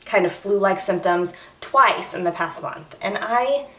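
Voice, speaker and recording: A woman's voice: mid-range voice, expressive, measured pace, a bit bright. A young woman, chatting candidly in a personal vlog and a little short of breath. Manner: candid and chatty, with many fillers and restarts. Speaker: vlogger. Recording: echoey room, voice a bit far from the mic.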